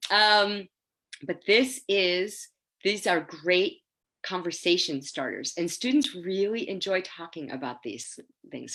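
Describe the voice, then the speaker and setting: A woman in her sixties leading an online teacher-training webinar over a video call, enthusiastic and quick to laugh. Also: on the low side. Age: 60s. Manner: lively, enthusiastic, laughs often. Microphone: laptop webcam on a video call.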